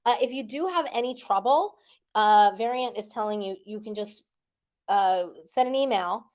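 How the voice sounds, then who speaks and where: A woman's voice: medium pitch, normal speed, a little mellow. Chatty woman livestream host, rambling. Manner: rambling, filler-heavy, chatty and playful. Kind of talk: casual livestream chat with viewers.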